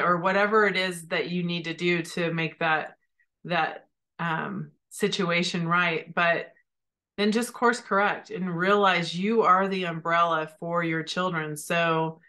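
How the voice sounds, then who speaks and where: Earnest woman with a bright voice. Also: fairly low pitch. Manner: earnest, repeats words as she talks. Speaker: podcast host. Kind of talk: reflective solo podcast talk.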